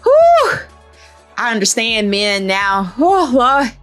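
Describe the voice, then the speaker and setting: A woman's voice: a little high, huge pitch swings, slow, soft background music. A woman who works as a coach, joining a casual podcast chat, teasing the others and laughing as she asks questions. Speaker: coach, podcast guest host.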